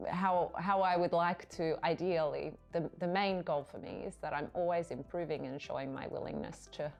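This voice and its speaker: A woman with an Australian accent, speaking in a friendly, steady way in a corporate interview. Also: deep voice. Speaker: IT project specialist. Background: soft music.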